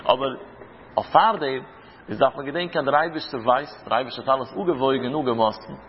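A man's voice: mid-range voice, fairly quick, a little hiss or hum. A man giving a religious talk as a rabbi, teaching through anecdotes and rhetorical questions. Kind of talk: religious lecture with stories. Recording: reverberant hall, dull lo-fi sound.

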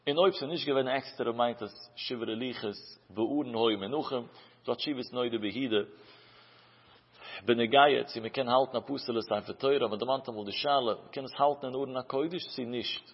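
A man giving a Talmud study lesson in a chanting singsong cadence, his pitch rising and falling through each phrase. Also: fairly quick, breathy edge. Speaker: Talmud teacher. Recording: muffled, dull recording with long hall reverb.

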